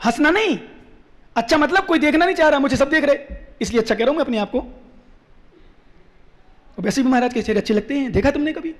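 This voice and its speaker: A man, a monk, giving a quick sermon and often asking the listeners questions. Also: very high voice, lively intonation, a bit bright. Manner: quick-talking, questions the audience, teasing. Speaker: Jain monk. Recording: echoey hall.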